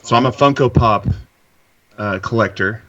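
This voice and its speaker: A man's voice: fairly low pitch, normal speed, pushed and bright, distant mic. A man talking in a casual, conversational way. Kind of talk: casual chat. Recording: dull lo-fi voice chat audio.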